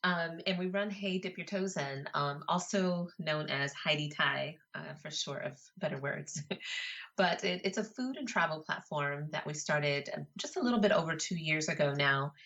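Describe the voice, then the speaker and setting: Lower-voiced American woman, slightly muffled. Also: moderate pace, fairly bright tone. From Colorado, United States. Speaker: interview guest, travel and food blogger. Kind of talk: casual conversational storytelling. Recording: slightly dull internet call audio.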